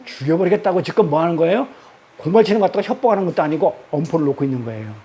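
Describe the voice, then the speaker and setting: A Bible teacher with a high-leaning, expressive and mellow voice talks very fast through a Bible study lecture, pressing listeners with constant rhetorical questions and repeating key words for emphasis.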